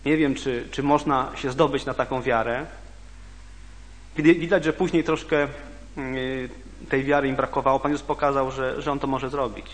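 A man preaching a sermon, reading scripture aloud, then reflecting on it, often halting and repeating words. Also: mid-range voice, fairly even intonation. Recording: long reverb of a hall.

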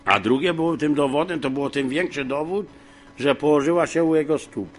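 A man teaching from the Bible in a homely, rambling way, with many fillers and frequent throat clearing. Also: on the high side, fairly quick. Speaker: preacher.

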